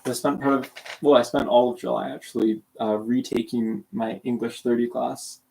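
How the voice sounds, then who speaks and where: On poor audio, a late-teen Canadian streamer talks with a warm, vocal-fry voice at medium pitch, flat and at normal speed. He has a sore throat and sounds half asleep, rambling self-deprecatingly through livestream chat with many restarts and corrections.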